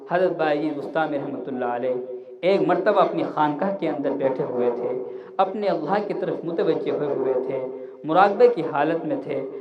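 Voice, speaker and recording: A man with a high voice delivers a storytelling sermon to a large gathering. He drops to hushed, low phrases, then rises into raised exclamations. The recording is dull and lo-fi, with the crowd audible behind him. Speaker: Sufi preacher. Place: religious gathering hall.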